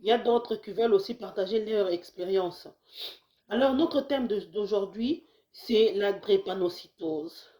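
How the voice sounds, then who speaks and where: Speaking in a mid-range, unhurried voice, this health video host from Congo, now based in the US, chats casually to camera while nursing a cold that leaves her a bit hoarse. She warmly urges viewers to share her video, restarts frequently, and mixes in Lingala.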